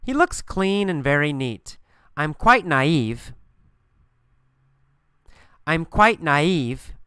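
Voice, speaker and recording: Male teacher, story lesson, deliberate repetition; bright, dry close sound. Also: on the high side, very animated, clean tone, dry recording. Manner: slow, repeats phrases for learners. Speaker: English teacher.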